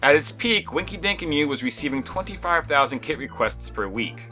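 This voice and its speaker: A man's voice: on the high side, animated, a little fast, bright, forceful tone. A man reading scripted retrospective narration in a formal, emphatic manner with a wry edge. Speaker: documentary narrator. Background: faint music.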